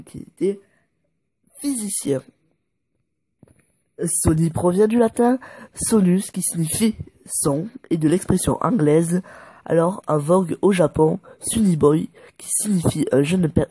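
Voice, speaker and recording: Mellow, husky-voiced young YouTuber man. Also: sits high, no echo. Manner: joking asides, stumbles over numbers and corrects himself. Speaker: YouTuber presenting facts. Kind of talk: casual video presentation of facts.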